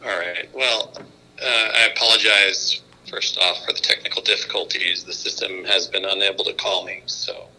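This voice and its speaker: Gravelly man on a phone speaker. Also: low voice, steady tone, moderate pace, sharp tone, low-quality recording. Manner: hesitant, with many restarts and fillers. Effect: calling in over a phone speaker. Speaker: mayor. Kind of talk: remarks at a council meeting.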